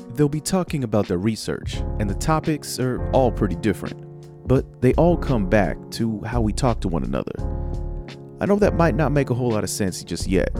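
A man hosting and narrating a podcast in a conversational, scripted way. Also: lowish voice. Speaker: podcast host and producer.

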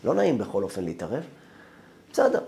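A man's voice: on the low side, very animated, gravelly, warm tone. A man, a rabbi, telling a first-person story as part of a sermon.

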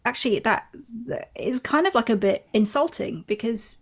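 Chatty woman with gravelly fry. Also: fairly high pitch, lively intonation. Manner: chatty, quick asides and quoted thoughts. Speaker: podcast guest, former entertainment journalist. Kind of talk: conversational interview answers.

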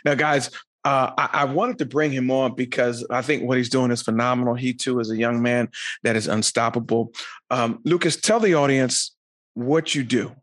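A man's voice: mid-range voice, steady tone, moderate pace, fairly bright tone. A man hosting a podcast in an upbeat way, often repeating his phrases. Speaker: podcast host.

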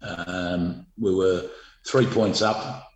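A man's voice: sits low, fairly even intonation, drawn-out words. A middle-aged Australian man, a former footballer, telling stories in an interview in a rambling, laid-back way with lots of fillers. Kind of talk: storytelling interview. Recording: echoey room.

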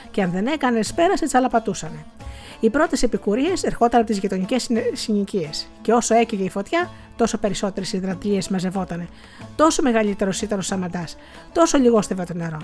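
A woman reads aloud from a novel as a storyteller, lively and natural, with small slips and restarts. Her voice sits a little high. Soft music plays under her reading.

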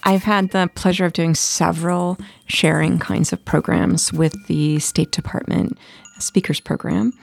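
A woman's voice: fairly low pitch, level tone, measured pace, gravelly, soft background music. A middle-aged woman from Massachusetts, a retired astronaut, telling her story in an enthusiastic, casual way.

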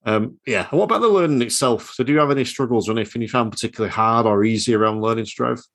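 A man's voice: mid-range voice, very fast, fairly bright tone. A man hosting a podcast as a driving instructor, asking questions and giving advice in an encouraging, conversational way. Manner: encouraging, conversational, some hesitations.

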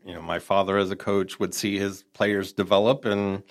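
A deep, gravelly male voice with little pitch movement, speaking at normal speed. The middle-aged guest, from Minot, North Dakota, has a nasal Chicago accent and advises nonprofit entrepreneurs; in this conversational interview he rambles with folksy asides and often corrects himself.

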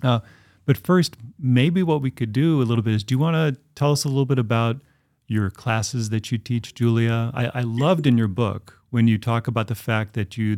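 A man's voice: mid-range voice, a little mellow, dry recording, clean studio sound. A man hosting a podcast, upbeat and enthusiastic while chatting with guests. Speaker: podcast host. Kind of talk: casual interview chat.

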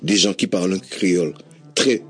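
A man speaking as a guest in a radio interview, explaining his views in a measured way. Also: sits low, a bit bright, breathy edge. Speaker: guest, leads workshops.

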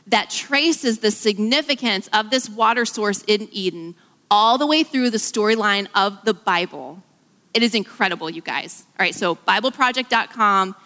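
A woman giving an enthusiastic Bible teaching, animated and emphatic, slowing down to read scripture. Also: mid-range voice. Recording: long reverb of a large hall.

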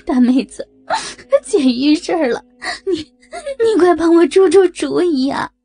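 A woman's voice: high-pitched, takes it slowly, dark tone, no room sound, soft background music, voice pushed up. A woman voicing a panicked middle-aged woman who sobs and stammers as she pleads. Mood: panicked crying. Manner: sobbing, stammering pleas.

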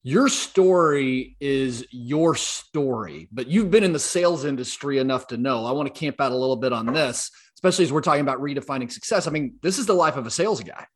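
A man's voice: mid-range voice, lively intonation, a little fast, hardly any pauses. A man hosting an interview podcast, who asks reflective questions and thinks aloud as he asks them. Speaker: podcast host.

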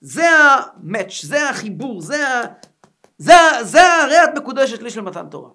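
A middle-aged man, a rabbi giving a Torah lesson, animated and acting out stories as he teaches. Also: very high-pitched.

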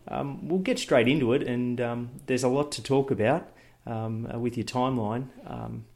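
A man hosts a football podcast in a measured, formal way. His voice sits at an ordinary middle pitch for a man, neither deep nor high. He reads a scripted intro and then moves into a conversational interview. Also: gravelly, darkish tone.

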